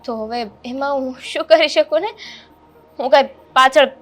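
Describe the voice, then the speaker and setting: A polite young neighbour, played by a woman in a homemade family drama, with a high voice. She hesitates, says "uh" a lot, and reasons patiently. Faint music runs behind her. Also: moderate pace, a bit bright. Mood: reasoning. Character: young woman neighbour, friend of the daughter-in-law. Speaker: neighbour character. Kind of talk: amateur family drama acting.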